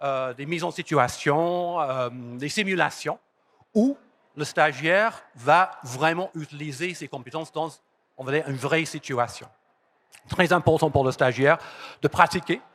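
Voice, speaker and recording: A man with an English accent and a somewhat raised pitch gives a lively conference talk. He is from London, and the language is not his first. He drives home key phrases by repeating them. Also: a little slow. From London, England. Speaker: conference speaker. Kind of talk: conference presentation. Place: conference hall.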